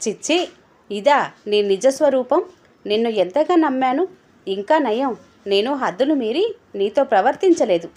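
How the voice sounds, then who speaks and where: A woman's voice: fairly high pitch, expressive, unhurried, long pauses, darkish tone. A woman voicing a young married woman who scolds and pleads with a blackmailer in an agitated, indignant voice.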